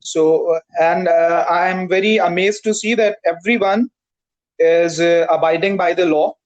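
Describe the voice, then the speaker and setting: A man from Pakistan practicing English over a video call, speaking carefully with many "uh" pauses. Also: sits high, fairly even intonation, lo-fi sound. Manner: careful, hesitant, frequent "uh" pauses. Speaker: English learner. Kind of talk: conversation practice.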